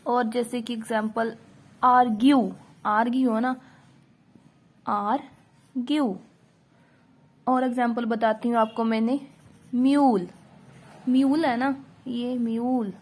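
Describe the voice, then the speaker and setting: A woman teaching shorthand in a casual tutorial, slowly repeating example words aloud and mixing words in. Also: on the high side, level tone, a little mellow. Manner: slow, repeats example words aloud, mixes English into Hindi.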